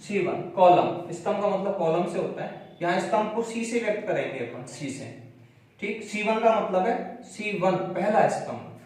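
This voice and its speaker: A man giving a maths lesson, repeating key phrases slowly as he writes on a board. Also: high voice, expressive, a little mellow. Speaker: maths teacher. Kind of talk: classroom lecture. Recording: very echoey room, mic far off.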